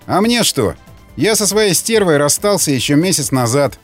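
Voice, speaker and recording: A man's voice: a little high, very animated, normal speed, faint music behind. Man doing a cynical foul-mouthed airman. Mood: sneering. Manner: mocking, then shouting.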